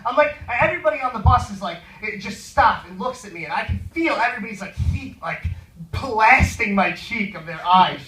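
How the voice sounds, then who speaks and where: A man tells a rambling stand-up story, swearing freely and padding his lines with fillers. His voice is high and bright, and the sound comes from a mic set far off in an echoey room. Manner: profane, rambling, full of fillers. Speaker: stand-up comedian.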